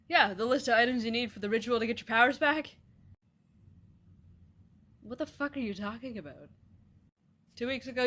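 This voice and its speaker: A woman acting out comedy sketches, swearing casually and bantering in a deadpan way. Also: mid-range voice, slight background noise. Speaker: sketch comedy creator playing all roles.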